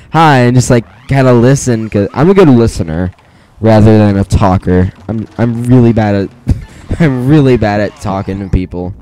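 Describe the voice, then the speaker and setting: A man's voice: fairly low pitch, warm tone, rough recording. Rambling teen boy gaming commentary. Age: teens. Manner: rambling, self-deprecating, many fillers and restarts. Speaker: let's play commentator. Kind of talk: casual gameplay commentary. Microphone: weak mic at close range.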